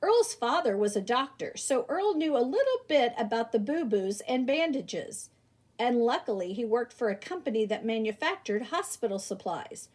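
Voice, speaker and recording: A teacher reads a picture book aloud to young listeners in a high voice, her pitch swinging widely as she leans into emphasis. She delivers it at a normal speed, animated and theatrical, full of exclamations and rhetorical questions.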